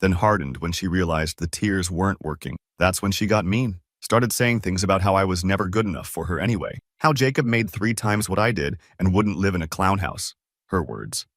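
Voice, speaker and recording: A man's voice: deep voice, animated, moderate pace, no echo, studio quality. A man reading a first-person story aloud in a casual, conversational way. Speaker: narrator.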